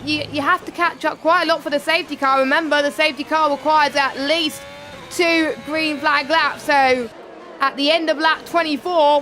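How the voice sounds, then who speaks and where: A woman's voice: sits high, background noise. A young woman co-commentating a sim racing league, talkative and analytical, often correcting herself.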